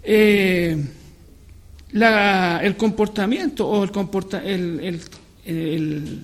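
Slow, high-voiced preacher man. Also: fairly even intonation. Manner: slow, searching, with restarts and pauses. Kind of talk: sermon.

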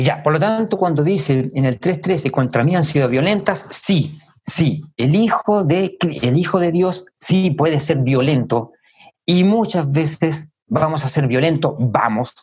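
A man delivers a sermon in a husky voice. He talks in a measured way, repeating key words for weight and pausing with small hesitations as he thinks. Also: on the high side, darkish tone. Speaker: preacher.

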